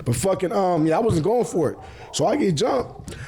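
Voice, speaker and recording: A man's voice: high voice, animated, moderate pace, dark tone, slight background noise. A man hosting a podcast, telling stories in casual street slang with plenty of profanity and frequent laughter. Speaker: podcast host. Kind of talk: casual storytelling.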